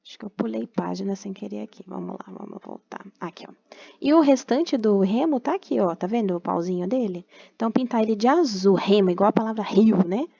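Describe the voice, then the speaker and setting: A young Brazilian woman teaching a primary class remotely, patiently explaining and slowly sounding out words. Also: medium pitch, lively intonation, gravelly, warm tone, husky. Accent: Brazilian Portuguese. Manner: patient and explanatory, tags phrases with "tá?". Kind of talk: recorded remote class lesson. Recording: dull, dry computer recording.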